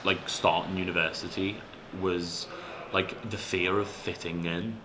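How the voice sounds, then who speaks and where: A man, answering interview questions hesitantly and trailing off quietly. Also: sits low, level tone, unhurried, background noise. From Liverpool, England. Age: 20s. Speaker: student interviewee.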